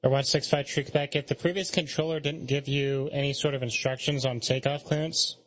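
A man's voice: medium pitch, fairly even intonation, a little fast, poor audio. A man working as an air traffic controller, giving clipped, procedural instructions over the radio.

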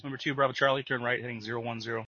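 Rapid-fire male air traffic controller on radio. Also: medium pitch, level tone, sharp tone, husky, no room sound. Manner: brisk, procedural. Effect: radio transmission. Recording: muffled lo-fi radio audio.

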